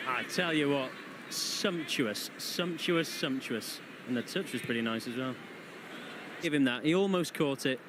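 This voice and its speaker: A man's voice: medium pitch, brisk. A man giving comedic live football commentary, joking and quipping with puns. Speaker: match commentator. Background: clear outdoor ambient noise.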